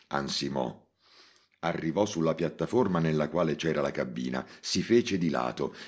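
A man reading a short story aloud in a measured, dramatic way. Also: low-pitched, darkish tone, breathy edge. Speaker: audiobook reader. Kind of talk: scripted narration.

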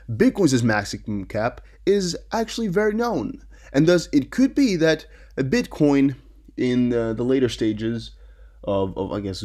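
A young adult crypto news YouTuber, originally a Dutch speaker, talks in a mid-range voice with a darkish tone. He reads articles and offers casual commentary, regularly stumbling and repeating words.

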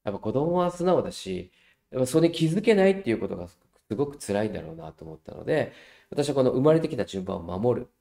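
A middle-aged man giving a lively parenting lecture, telling anecdotes and acting out children's voices. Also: mid-range voice, fast, creaky. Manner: animated storyteller who acts out children's voices.

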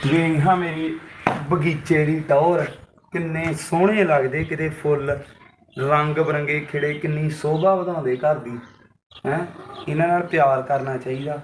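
A man's voice: fairly high pitch, steady tone, normal speed, echoey room, noisy background, close to an everyday voice. A man from Punjab playing a husband who earnestly lectures his wife about loving nature, in a home-made short film. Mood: admiring.

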